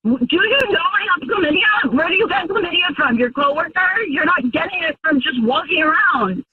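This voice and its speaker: Angry, tearful high-voiced woman on a distant, tinny phone line, accusing her husband. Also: lively intonation, moderate pace. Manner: angry, accusing, talks over him. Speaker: caller's wife on a radio prank. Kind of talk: emotional phone call.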